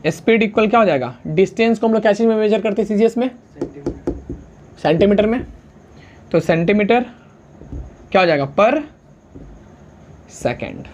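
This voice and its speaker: A man teaching a science lesson, constantly asking the class questions and answering them himself, urging students to write fast and mixing English unit names into his talk. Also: sits high, a little mellow, highs cut off, slight background noise. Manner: urges students to write quickly, calls them friend.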